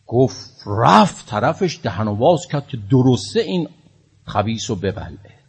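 A man's voice: mid-range voice, very animated, breathy edge. A male preacher telling a religious story in a sermon, shifting into impassioned appeals.

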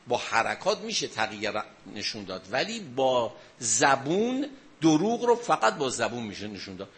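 A man's voice: mid-range voice, fairly bright tone. Man, religious speaker, storytelling, questions to the audience, faint background noise.

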